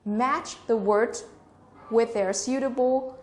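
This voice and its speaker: Slow-talking woman teacher. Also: a little high. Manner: explains slowly, switching between English and Vietnamese. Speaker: English teacher. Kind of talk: bilingual classroom instruction.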